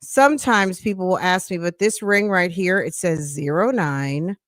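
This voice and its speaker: A woman's voice: fairly low pitch, moderate pace, no echo, studio quality. A woman in her fifties hosting a casual livestream, sassy and playful, thanking her viewers as she chats. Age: 50s. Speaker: podcast host.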